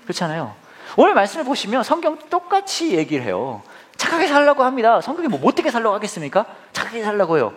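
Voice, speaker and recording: A man's voice: sits high, huge pitch swings, quick pace, hardly any pauses. A man in his forties preaching a sermon, telling humorous family stories and speaking directly to the congregation. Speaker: pastor.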